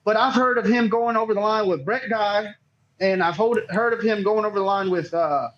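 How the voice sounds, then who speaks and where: On a podcast, a cornhole player tells a story at normal speed in a high, fairly bright voice, though the recording's highs are cut off. He rambles casually, swearing along the way and often quoting what others said.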